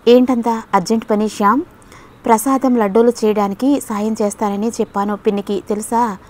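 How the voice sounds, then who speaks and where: A woman doing a quiet shy girl from a storybook, soft and hesitant, kinda high voice. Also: fairly even intonation, moderate pace, lightly acted. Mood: put-upon. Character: gentle, shy young woman student.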